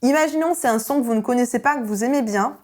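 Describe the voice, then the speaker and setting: A young adult woman teaching an online singing lesson as a vocal coach, energetic and emphatic. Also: fairly high pitch, fast. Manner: energetic and emphatic, with sung vowel demonstrations.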